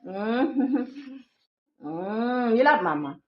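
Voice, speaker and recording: A woman's voice: medium pitch, animated, drawn-out words, roomy sound, dull audio, background noise. A young woman from the Philippines chatting casually in a home vlog, talking to her viewers and coaxing her toddler. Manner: chatty, keeps addressing viewers, coaxes her toddler in baby talk. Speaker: vlogger and mother.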